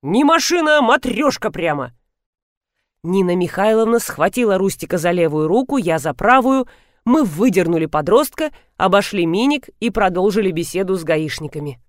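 A woman reads a comic story aloud in a lively, animated way. Her pitch moves a lot, and the recording is dry and close to the mic. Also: a little fast, no room sound. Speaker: audiobook narrator. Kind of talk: expressive audiobook narration.

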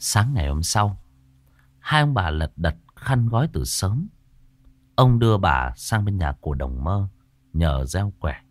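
A man narrating a ghost story in a slow, somber, dramatic reading. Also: low-pitched, big pitch swings.

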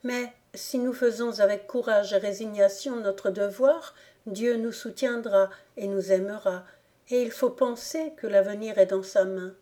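A woman reading the lines of a grave, dignified young woman, earnest and measured. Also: medium pitch, fairly even intonation, dark tone, close to an everyday voice. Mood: pleading. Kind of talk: audiobook character reading.

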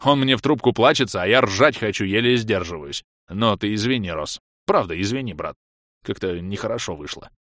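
A man voicing a rough, brash young male friend who talks in blunt slang, in an audiobook reading. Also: on the low side, expressive, brisk, a bit bright, dry recording, clean studio sound. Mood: rowdy.

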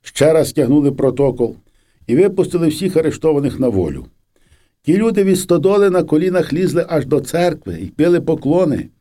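Mellow-voiced man reading an audiobook. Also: fairly high pitch, animated, brisk. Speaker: audiobook reader. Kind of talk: audiobook narration of a memoir.

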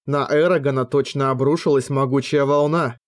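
A man narrating a fantasy novel as an audiobook in a measured storytelling manner, lightly voicing the dialogue. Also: mid-range voice, fairly even intonation.

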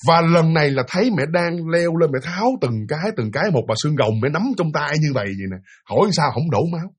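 Fast-talking husky storyteller man. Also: a little high. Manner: animated, chatty, addresses listeners directly. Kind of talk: spoken ghost story narration.

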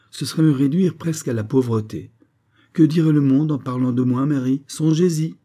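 A man voicing an earnest young army captain, speaking firmly but gently to his wife in an audiobook reading. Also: lowish voice, natural voice.

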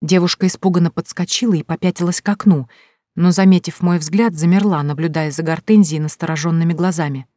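A woman narrating a novel in the first person, in a measured, even storytelling manner. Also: lowish voice, no echo, clean studio sound. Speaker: audiobook narrator.

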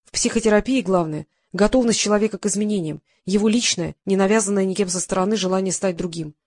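A woman narrating a first-person detective audiobook in a lively, ironic storytelling manner. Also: medium pitch, fast talker, dry recording, studio quality.

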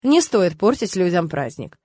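A woman's voice: lowish voice, big pitch swings, normal speed, warm tone, no echo. A woman gives voice to a commanding young prince in an audiobook romance. He is stern and possessive and talks in short orders. The read is dry and close. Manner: stern, authoritative.

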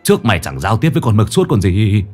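A man's voice: on the low side, very animated, fast, a little mellow, faint music behind. A man voicing a cheeky, jittery young man in a ghost story, stammering and taunting. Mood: urging.

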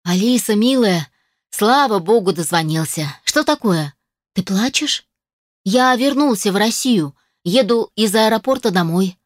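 A woman's voice: mid-range voice, animated, measured pace, dry recording, studio quality, close to an everyday voice. A woman reading the lines of a worried, protective adoptive father in an audiobook, anxious and urgent.

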